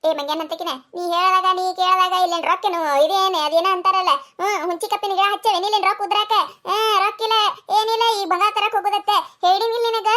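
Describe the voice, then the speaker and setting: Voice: very high-pitched, flat delivery, fast, pushed and bright. A performer voicing a scolding older village mother-in-law in a cartoon, with a North Karnataka Kannada accent. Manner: nagging, scolding. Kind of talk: cartoon comedy voice acting.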